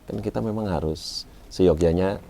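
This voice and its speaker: This forties-aged man, an event MC who used to be a radio announcer, chats casually as an interview guest, mocking himself and mixing in Javanese words with his Malang Javanese accent. His voice sits low and warm with some creak, moving at normal speed.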